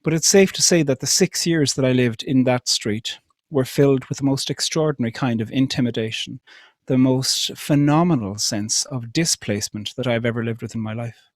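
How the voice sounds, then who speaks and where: An Irish man gives a reflective public talk at an interfaith event, speaking calmly and thoughtfully at a measured pace. He poses one rhetorical question after another with soft hesitations between them, his voice at an everyday middle pitch, recorded dry and close with no room echo.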